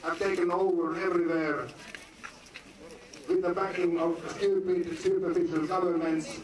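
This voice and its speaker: Finnish-accented man, high voice, earnest formal speech, heard from far off in a hall. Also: flat delivery, crowd noise. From Finland. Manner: earnest, declamatory, short phrases with pauses. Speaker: guest speaker at a film screening. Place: large indoor venue. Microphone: phone recording from the audience.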